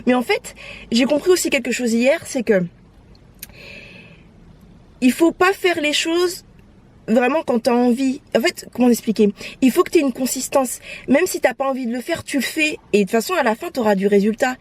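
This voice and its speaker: A woman's voice: sits high, moderate pace. Outspoken young woman vlogging on the go. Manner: animated, outspoken, switches between French and English. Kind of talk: casual vlog chat.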